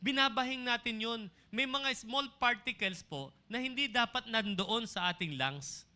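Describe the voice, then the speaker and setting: Bright high-voiced male pastor preaching. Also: measured pace, clean tone. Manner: calls on the congregation for amens; mixes English phrases into his preaching. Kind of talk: sermon. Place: church service.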